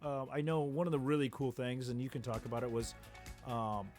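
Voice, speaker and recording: A man co-hosting a podcast, chatting casually about football in a relaxed, rambling way with frequent ums. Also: mid-range voice, brisk, soft background music. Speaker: podcast co-host. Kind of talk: casual sports chat.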